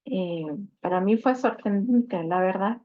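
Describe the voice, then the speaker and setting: A woman speaker earnestly and reflectively telling a personal recovery story, often pausing to restart her phrases. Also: mid-range voice, narrow, tinny audio. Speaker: motivational speaker sharing her testimony.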